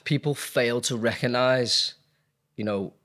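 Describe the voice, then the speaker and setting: His mid-range voice is slow and fairly bright. A Liverpudlian dentist and business owner in his thirties, he speaks with his local accent, chatting openly in a casual interview, wandering a bit and filling gaps with fillers.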